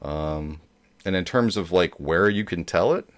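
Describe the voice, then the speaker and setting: A man's voice: sits low, unhurried. A man hosting a joke show in casual chat, rambling along with many hesitations. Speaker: host of a dad joke show.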